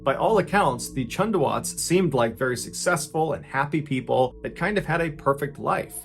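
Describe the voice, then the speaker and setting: A man hosting a podcast, telling a dark true story in suspenseful dramatic narration, getting louder at tense moments and dropping low at grim ones. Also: lively intonation, moderate pace, creaky, faint music behind.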